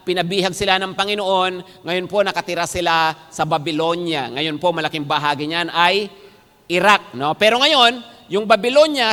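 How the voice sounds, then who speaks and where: A man preaching in a high, sharp voice. He keeps turning to the congregation with quick questions. His words ring out with the long reverb of a large church hall. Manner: addresses the congregation and often checks in with "no?" and "amen po?". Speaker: pastor. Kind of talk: sermon. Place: church sanctuary.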